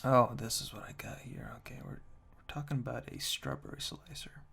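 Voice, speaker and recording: Speaking at a moderate pace, a man delivers binaural ASMR whispers, reading reviews and commenting in a dry, tongue-in-cheek deadpan way. The voice is a hushed, breathy whisper with a soft low murmur, recorded ear to ear at very close range with faint noise.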